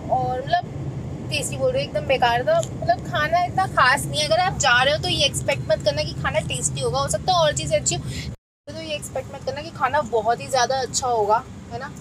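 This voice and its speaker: Young female food vlogger, high voice, blunt casual chat, loud road noise behind. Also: brisk. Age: young adult. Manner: chatty, blunt, joking. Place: inside a car. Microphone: phone camera at arm's length.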